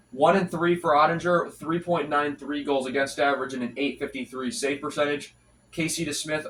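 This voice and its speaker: This is a casual solo hockey recap from a young man who hosts a hockey commentary channel, his voice congested and stuffy because of allergies. He rattles off stats, restarting frequently and leaning on fillers. The mid-range voice has a fairly bright tone, heard from a distant mic over slight background noise.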